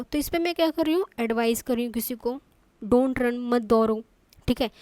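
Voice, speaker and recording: A woman's voice: a little high, a little mellow, no room sound. A woman teaching an online English grammar lesson, explaining step by step and checking in with her students often.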